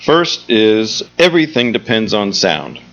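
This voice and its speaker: His voice is fairly low and a bit bright, swinging widely in pitch and running a little slow. As theatre executive director and host, he delivers a casual, jokey welcome to a live audience. The recording is live, dull and lo-fi, with music behind.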